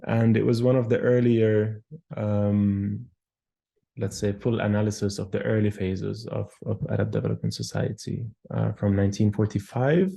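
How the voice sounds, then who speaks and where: A man in his thirties from Palestine, an architectural historian, answering interview questions in a thoughtful, measured way with frequent pauses and fillers. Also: on the low side, fairly even intonation, vocal fry, dark tone. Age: 30s.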